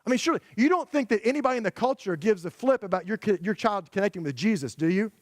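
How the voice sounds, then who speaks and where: A man's voice: sits high, lively intonation, racing, no echo, clean studio sound. A middle-aged man preaching a conversational, storytelling sermon to a church congregation, emphatic and full of rhetorical questions to parents. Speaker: guest preacher. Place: church sanctuary.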